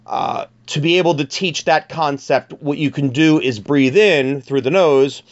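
A man with a fairly high speaking voice gives a vocal pedagogy workshop, talking at an unhurried, deliberate pace. He explains things patiently, with frequent fillers and repeated words. The recording sounds dull and lo-fi. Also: lively intonation, slight background noise. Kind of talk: spoken workshop lesson.

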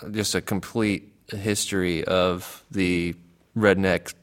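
A man co-hosting a casual podcast, relaxed and reading out film listings with plenty of ums. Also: sits low, slow, smooth. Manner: relaxed, reads out film listings with many fillers. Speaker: podcast co-host.

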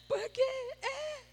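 High-voiced woman preaching playfully. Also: fairly bright tone. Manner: playful and conversational, jokes with the audience. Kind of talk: sermon.

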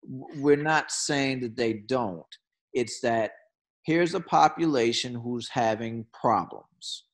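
An earnest man in a casual conversation with a voice of ordinary pitch. He restarts and repeats words as he looks for a thought, then speeds up into quick bursts.

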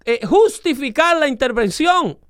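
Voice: sits high, expressive, unhurried, a bit bright, no echo, clean studio sound. A speaker with a Dominican accent in casual political chat, talking in an emphatic, lecturing way and repeating phrases for stress. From Dominican Republic.

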